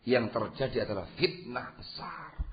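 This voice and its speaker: A man preaching at a religious study lecture, switching between loud emphatic bursts and quiet asides and asking rhetorical questions, in his speech. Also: medium pitch, expressive, unhurried. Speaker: Islamic preacher. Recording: dull lo-fi lecture recording.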